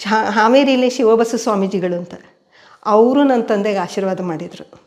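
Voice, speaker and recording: A woman's voice: medium pitch, normal speed. An older woman, telling family stories at home as an interviewee. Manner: steady storyteller who voices quoted people. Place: indoors at home.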